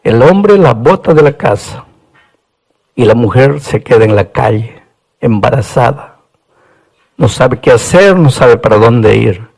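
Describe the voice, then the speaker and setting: A man preaching a sermon, telling a story with feeling, his voice climbing high at the peaks. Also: expressive, a little slow, creaky, long pauses, a little mellow, low-quality recording.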